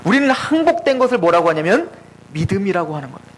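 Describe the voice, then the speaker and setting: A man preaching a sermon in church, animated, acting out quoted dialogue between God and Moses. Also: high voice, fast talker, poor audio.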